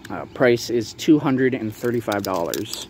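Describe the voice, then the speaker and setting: A man giving a casual, explanatory product showcase for a video, talking in a halting, hedging way. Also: mid-range voice, lively intonation. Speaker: maker showing a handmade prop replica for sale. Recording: clear background ambient noise.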